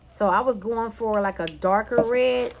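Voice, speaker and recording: A woman's voice: on the high side, measured pace, creaky, slight background noise. A woman from California giving a casual cooking tutorial, chatty and loose, addressing viewers as "y'all" and "you guys". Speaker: cooking vlogger.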